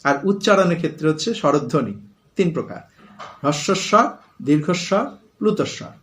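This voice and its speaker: A man's voice: on the high side, lively intonation, moderate pace, fairly bright tone. A middle-aged male teacher giving a classroom lesson, asking questions and repeating lists aloud for his students.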